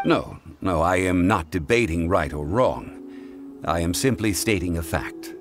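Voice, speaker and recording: Zhongli, deep-voiced erudite gentleman. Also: animated, music in the background. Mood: composed. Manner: measured, formal, polite. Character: calm, courteous, erudite gentleman, quietly self-assured. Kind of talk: video game character acting.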